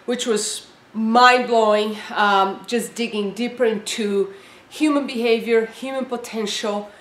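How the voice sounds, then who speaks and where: A woman's voice: on the high side, fairly even intonation, a little slow, fairly bright tone, echoey room. A woman life coach giving earnest, encouraging advice, asking her listeners one question after another. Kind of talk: coaching talk to camera.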